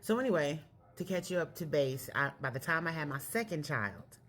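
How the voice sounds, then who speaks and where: A woman in her late forties from California, candidly telling her life story in a casual vlog, pausing and correcting herself as she goes. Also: deep voice, animated, a bit bright. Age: 40s. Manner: reflective, candid, self-correcting. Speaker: vlogger.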